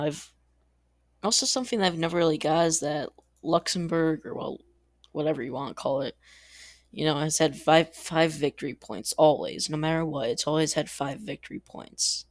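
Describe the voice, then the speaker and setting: A man's voice: fairly high pitch, dry recording, studio quality. A man giving casual, rambling commentary over a strategy game, chatty and full of asides, little laughs and mild exasperated swearing. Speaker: gaming channel host.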